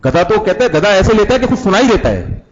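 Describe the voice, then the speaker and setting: Preacher with a dull lo-fi sound. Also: male voice, high voice, big pitch swings, slight background noise. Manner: conversational, asks the audience questions, acts out examples. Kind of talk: sermon. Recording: dull lo-fi old audio.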